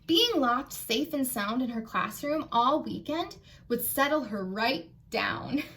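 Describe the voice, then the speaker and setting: Slowly and in a high register, an American woman who works as a children's librarian brings a picture book to life with expressive reading. She pauses to pose questions to the kids listening.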